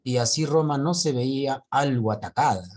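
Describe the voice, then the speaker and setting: A man's voice: mid-range voice, moderate pace, darkish tone. A male teacher on a video call, going through his students' reading mistakes point by point. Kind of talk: online reading class feedback.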